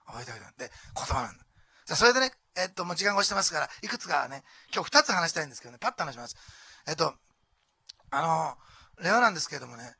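A man with an Osaka accent preaches a sermon in a high, bright, gravelly voice at a quick clip. He drops to near-whispers and then rises to loud exclamations, peppering his talk with rhetorical questions. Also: sing-song, dry recording. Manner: dramatic, swinging from hushed whispers to loud exclamations. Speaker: pastor.

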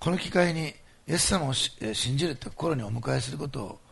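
With commanding declarations and earnest appeals to his listeners, a man preaching as a pastor leads a fervent healing prayer in a coaxing manner. His mid-range voice is expressive, gravelly, husky, and a bit bright, and he speaks a little fast.

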